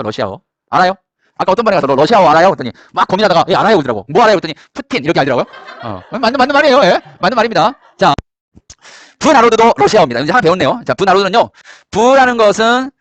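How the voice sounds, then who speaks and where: Fast, lively male history teacher. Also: sits high, no echo. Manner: energetic, jokey, quizzes students. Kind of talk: classroom lecture. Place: classroom with students.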